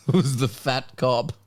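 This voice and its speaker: A man co-hosting a casual podcast, playful and quick to laugh. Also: mid-range voice. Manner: playful, laughs often, tries out impressions. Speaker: podcast co-host.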